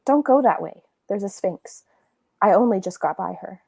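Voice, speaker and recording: A woman voicing a brisk, helpful teenage girl witch in a fan voice-acting read-through, talking breathlessly and in a hurry. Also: medium pitch, lively intonation, gravelly, warm tone, breathy edge. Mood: hurried. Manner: breathless, hurried warnings.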